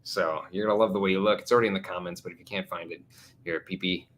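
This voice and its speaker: A woman's voice: a bass voice, steady tone, racing, a little hiss or hum. A young adult woman hosting a casual live stream chat, full of crude teasing jokes. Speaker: host.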